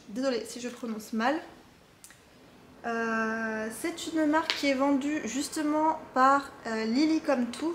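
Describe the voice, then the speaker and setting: A woman's voice: on the high side, reverberant, slight background noise. A woman vlogging casually about her knitting projects, chatty and full of fillers and restarts. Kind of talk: casual chat to camera. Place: home craft workshop. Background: jackhammer from far off.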